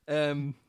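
A man's voice: on the high side, darkish tone, clear, resonant tone, dry recording, clean studio sound. A man casually telling a history story on a podcast, laughing often and swearing freely, with English phrases mixed in.

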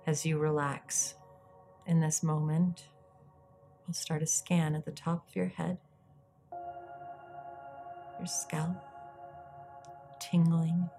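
Low, slow woman guiding a soft meditation. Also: flat delivery, gravelly, soft background music. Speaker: guided meditation podcast host.

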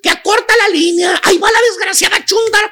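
A shrill, piercingly high radio professor, with a gravelly rasp under every word. He preaches at his co-hosts in crude slang, shouting his points as a radio comedy bit. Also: steady tone, fairly quick, heavily acted. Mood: ranting. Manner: lecturing rant full of slang, frequently shouting. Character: ranting middle-aged male radio professor, crude and preachy. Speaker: comedy character on a radio show.

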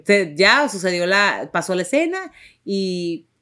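A young woman telling a lively anecdote, acting out her own lines in a higher voice and laughing now and then. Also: unhurried. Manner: animated, quotes herself in raised voices, laughs. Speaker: actress telling a story. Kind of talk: casual storytelling to an audience.

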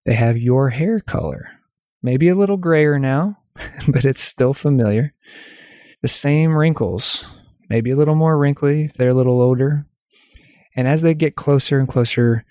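A man leading a guided visualization, talking gently and calmly in the second person with unhurried pauses. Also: mid-range voice, no echo, studio quality. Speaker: meditation guide.

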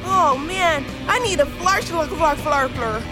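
Plucky child adventurer, very high-pitched, earnest, exclamatory, easily flustered, children's audio drama, music behind. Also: female voice, slow, poor audio. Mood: alarmed.

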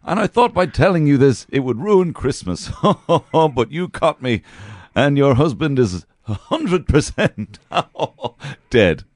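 A man's voice: on the high side, very animated, slow, no echo, clean studio sound, heavily acted. A man playing Santa Claus, hesitant and laughing through his lines. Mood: amused. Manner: keeps breaking into laughter, hesitant. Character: giggly, embarrassed Santa Claus.

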